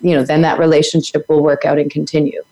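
Woman guest, lowish mellow voice, reflective chat, kinda halting. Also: level tone. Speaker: interview guest. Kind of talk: reflective conversational interview.

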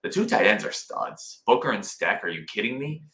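Bright-voiced man podcasting from a roomy wooden cabin. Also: lowish voice, sing-song, normal speed. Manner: enthusiastic, informal. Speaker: sports podcast host. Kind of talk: casual sports commentary to live viewers. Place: indoors in a cabin. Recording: roomy indoor cabin echo.

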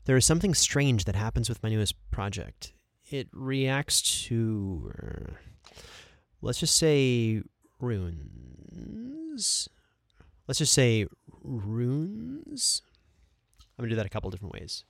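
A man in casual chat, deadpan and dry, trying his lines in several takes. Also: lowish voice, normal speed, few pauses, no echo.

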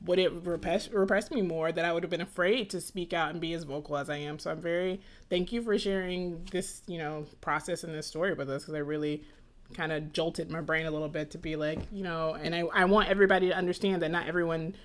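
A woman's voice: on the low side, steady tone, quick pace. A young woman from Atlanta hosting a podcast, talking in a rambling casual way with restarts. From Atlanta, USA. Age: young adult. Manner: rambling, frequent restarts and laughs. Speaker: podcast host. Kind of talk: casual conversation.

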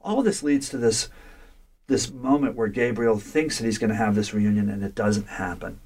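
Discussing a story, a male literature scholar speaks at a normal speed in a low-leaning voice with a darkish tone. His talk feels like a reflective lecture, full of restarted phrases and "right?" check-ins.

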